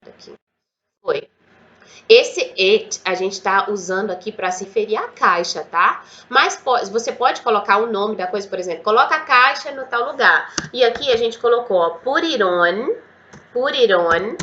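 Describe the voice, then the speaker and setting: Bright-voiced Brazilian teacher woman. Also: mid-range voice, highs cut off. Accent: Brazilian Portuguese. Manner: lively, explains slowly and repeats words. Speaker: English teacher. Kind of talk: casual online English lesson.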